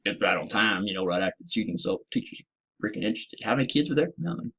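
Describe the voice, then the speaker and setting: Here an American veteran with a fairly low voice sounds animated and breathy as he talks at a quick pace. Swearing and emphatic, he rants at his listeners and calls them ladies and gentlemen.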